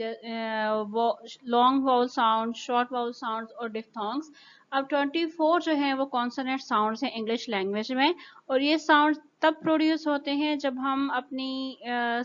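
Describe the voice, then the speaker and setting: Slow, careful Pakistani woman teacher, lo-fi. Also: high voice. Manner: slow and careful, drawing out example words. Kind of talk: recorded lecture explaining English pronunciation. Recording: dull, lo-fi sound.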